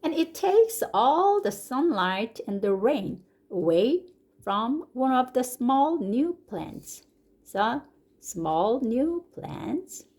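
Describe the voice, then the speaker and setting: This expressive storybook read-aloud comes from a woman with a Korean accent who teaches and reads English picture books. Her delivery is very unhurried, each word drawn out, and her slightly high voice swoops up eagerly at exciting moments and exclamations.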